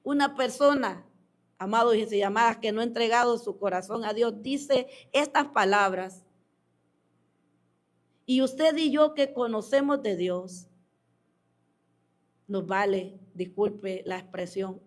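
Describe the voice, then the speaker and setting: Slow, emphatic woman preaching a sermon. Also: mid-range voice. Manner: addresses listeners as beloved and reads out comments. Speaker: preacher hosting a program.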